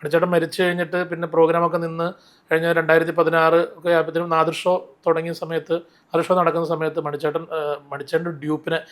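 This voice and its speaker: A man telling stories in an interview, animated and rambling, often restarting his sentences. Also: fairly high pitch, very fast. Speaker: interview guest, mimicry artist. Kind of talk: casual interview storytelling.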